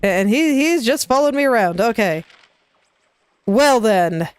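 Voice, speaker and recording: Her voice is fairly high, expressive, clear and resonant, and the recording is dry. As a let's play gamer, she narrates her video game casually, chatting to herself and laughing in quick bursts.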